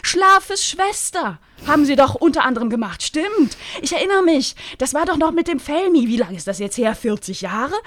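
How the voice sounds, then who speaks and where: A woman voicing a blunt woman with cutting humor while reading aloud from a novel, curt and deadpan. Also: high-pitched, moderate pace, hardly any pauses, no echo, voice pushed up. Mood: dry.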